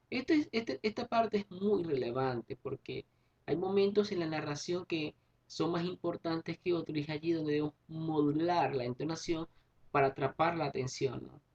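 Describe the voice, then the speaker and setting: Husky teacher man explaining patiently. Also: fairly high pitch, a little mellow, lo-fi sound. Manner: explains patiently, repeats and rephrases, tag questions. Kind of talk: recorded class lesson.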